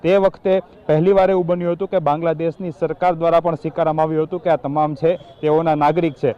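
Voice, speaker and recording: A man reporting live for a news channel from an outdoor police ground, speaking in steady, official sentences. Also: a little high, fast talker, clean tone, muffled recording. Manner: steady, level delivery with official lists. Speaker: field reporter.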